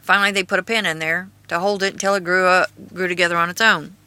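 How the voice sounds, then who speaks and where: A woman with an Appalachian-style hillbilly twang casually reads her own writing aloud with asides, in a halting, folksy, earnest way. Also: fairly low pitch, fairly even intonation, sharp tone, clean tone, no room sound. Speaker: video host and author reading own memoir.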